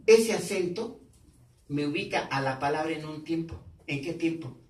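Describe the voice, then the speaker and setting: Male pastor, teaching sermon, quizzes his flock; slightly high pitch, recorded far off in an echoey church. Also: expressive, moderate pace. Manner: quizzes the congregation with questions, repeating key words. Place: church hall.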